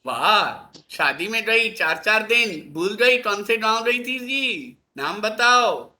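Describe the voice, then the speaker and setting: A man teaching a class, his voice bright and ringing. He keeps checking on the pupils with little tag questions, coaxing answers out of them in an easy classroom way. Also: high voice, expressive, slow pace. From India. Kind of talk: classroom lesson.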